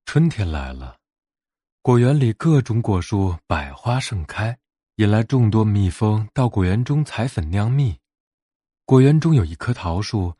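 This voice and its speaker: A man's voice: fairly low pitch, mellow, dry recording, clean studio sound. A man narrating a scripted bedtime fable for adults as a storyteller.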